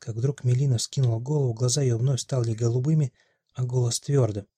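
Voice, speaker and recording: Husky, dark-voiced male audiobook narrator. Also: mid-range voice, fairly even intonation, a little fast, dry recording. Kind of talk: scripted fantasy narration.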